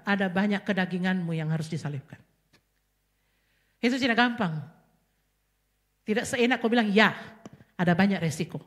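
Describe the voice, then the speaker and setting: Middle-aged lady pastor, preaching hard, goes quiet then loud. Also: fairly high pitch. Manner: impassioned, swinging from soft asides to loud cries. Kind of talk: sermon.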